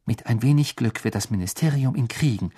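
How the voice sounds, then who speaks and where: A woman's voice: very deep voice, brisk, dark tone, slightly rough. A man reading an audiobook, voicing a frightened, clever teenage witch girl in a raised, urgent voice.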